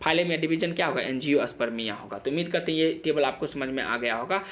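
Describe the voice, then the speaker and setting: A young male biology teacher giving an exam-prep lecture, drilling students with repeated questions and answers and reading English textbook lines haltingly. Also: fairly high pitch, a bit bright. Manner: switches between Hindi and halting read-aloud English.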